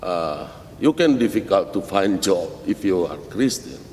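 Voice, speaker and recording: A middle-aged Indonesian-accented man speaks with a very low voice and an unhurried pace, restarting his English phrases often. He sounds like he is in a roomy hall with a long echo. A faint rumble sits under his speech. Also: expressive, darkish tone. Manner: halting non-native English with many restarts. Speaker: missionary pastor, guest. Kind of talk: interview answers.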